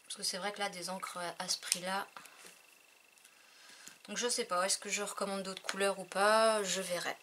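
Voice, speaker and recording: A woman's voice: medium pitch, steady tone, normal speed, long pauses, background noise. A woman vlogger chatting casually through a craft haul, hesitant with many fillers and fumbling English product names. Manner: hesitant, many fillers, thinking aloud while testing. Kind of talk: casual haul video, showing craft inks.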